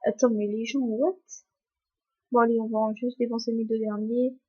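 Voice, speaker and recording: High-voiced young woman with a sore throat. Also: flat delivery, normal speed, slightly rough, highs cut off. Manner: chatty, talks to viewers, stammers and repeats. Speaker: gaming video creator. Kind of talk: casual gameplay commentary. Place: at home.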